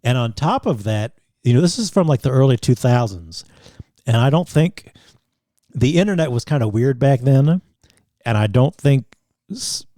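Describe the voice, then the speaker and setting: Podcast co-host, male, mellow tone, dry studio sound, rambling casual delivery. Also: mid-range voice, lively intonation, moderate pace, dry recording. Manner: rambling, many restarts and fillers. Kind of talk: casual chat.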